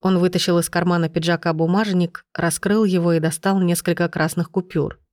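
Low-voiced woman narrating a drama. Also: little pitch movement, a little fast, darkish tone, no room sound, clean studio sound. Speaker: audiobook narrator. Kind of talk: scripted narration.

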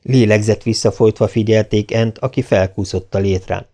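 A man reading an audiobook aloud in a measured, steady way. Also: lowish voice. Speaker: audiobook reader. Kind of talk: scripted narration.

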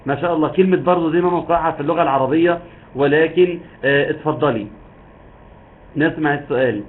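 A man's voice: a little high, fast talker. A man teaching Quran recitation rules in an online lesson, explaining patiently step by step and drawing out words to demonstrate. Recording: tinny phone-like line with faint hiss.

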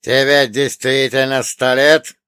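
A man's voice: mid-range voice, little pitch movement, slow pace, bright, forceful tone, smooth, no echo, studio quality, pitched above the performer's own voice. A man voicing a sneering, barking oligarch. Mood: mocking. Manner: scornful, barking. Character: sneering middle-aged male oligarch, cold and menacing.

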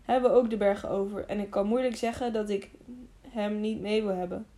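An earnest young squire on a secret errand talks quietly and a little hesitantly, read by a woman narrating an audiobook. His voice is mellow and warm at a medium pitch. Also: steady tone, fairly quick, slight background noise, natural voice. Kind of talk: audiobook reading.

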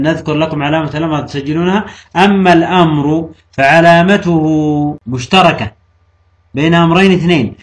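A man teaching a grammar lesson. He keeps asking the class questions and answers them himself, and he slows down to quote and stress examples. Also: a little high.

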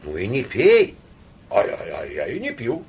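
A man's voice: fairly low pitch, huge pitch swings, unhurried, a little mellow, slightly rough, full character voice. A man voicing a tipsy, fickle young count. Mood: tipsy rambling. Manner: rambling, wheedling drunk talk.

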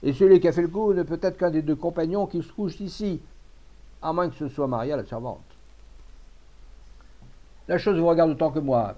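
A male narrator puts on an old miser, high-pitched and loud, his tone sharp and accusing. The recording is dull and lo-fi, with a mellow, muffled top end. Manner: agitated, accusing. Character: old miserly male Auvergnat lodger, shrill and grasping.

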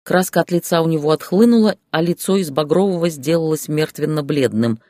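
A man narrating an audiobook story in a steady, expressive reading. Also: a little high, fairly quick, dry recording, studio quality.

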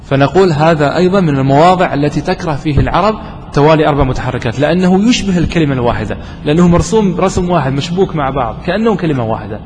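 A man teaching a grammar lesson, quizzing his students and slowing down to stress key terms. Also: on the high side. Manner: asks students questions and answers them himself. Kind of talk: classroom lesson. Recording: distant voice with long reverb and faint noise.

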